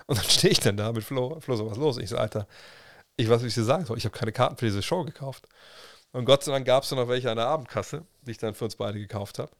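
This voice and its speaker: A man's voice: mid-range voice, fairly quick, no room sound, clean studio sound. A man in his thirties, telling a casual story on a livestream, chatty and full of slang and restarts. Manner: chatty, slangy, restarts and quoted self-talk. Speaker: livestream host.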